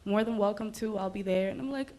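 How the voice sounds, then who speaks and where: In a medium-pitched, mellow voice, this young Dominican singer talks fast as a guest on a casual livestream interview. She comes across as bubbly, with plenty of ums.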